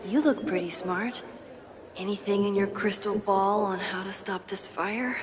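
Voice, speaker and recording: An actress voices a wry, thoughtful young woman in a story game, delivering dialogue and inner monologue in a dry tone. Her natural, mid-range voice is unhurried. The game audio carries loud noise and crowd sounds.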